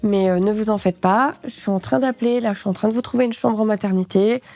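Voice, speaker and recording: A woman's voice: mid-range voice, fast talker, dark tone, soft background music, close to an everyday voice. A woman quoting an apologetic hospital doctor who tries to reassure, in her own voice, within a story. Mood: soothing. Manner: soothing, apologetic.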